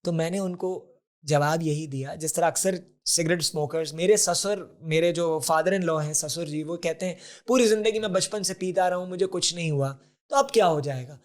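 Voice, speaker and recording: A man in his 40s guests on a podcast as a health advocate, talking earnestly in a conversational interview and mixing English terms into his speech. He speaks at normal speed in a voice on the high side.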